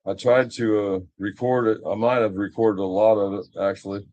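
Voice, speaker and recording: Older man, low voice, rambling casual chat, dry sound. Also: little pitch movement, normal speed, darkish tone, dry recording, dull audio. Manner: rambling, chuckling storyteller. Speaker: vlogger.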